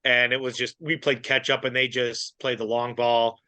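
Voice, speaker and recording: A man co-hosting a podcast in casual chat, easygoing and quick to laugh. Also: mid-range voice, flat delivery, bright, forceful tone, dry recording. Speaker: podcast co-host.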